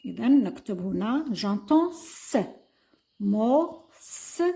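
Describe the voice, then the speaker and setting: A woman's voice: on the high side, sing-song, moderate pace, warm tone. An older woman, a retired primary school teacher, explaining an exam. She spells out words letter by letter and mixes French with Arabic. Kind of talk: classroom lesson explaining an exam.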